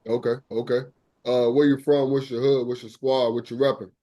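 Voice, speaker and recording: Host, man, easygoing slangy interviewer, warm and mellow tone. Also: mid-range voice, level tone, a little fast. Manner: laid-back, repeats "okay, okay", street slang. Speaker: podcast host. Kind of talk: casual interview.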